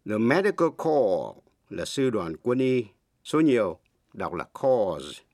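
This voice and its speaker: A middle-aged man teaching English in Vietnamese, a native Vietnamese speaker who explains slowly and spells words out letter by letter. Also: mid-range voice, big pitch swings, a little mellow, no room sound, clean studio sound. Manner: slow, deliberate, spells words letter by letter and repeats examples.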